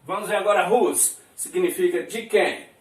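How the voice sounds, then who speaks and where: A male English teacher from Brazil talks at a moderate pace in a high voice, explaining words during a classroom lesson. He repeats every phrase and frequently checks in with students. The sound is echoey, with the mic at a distance.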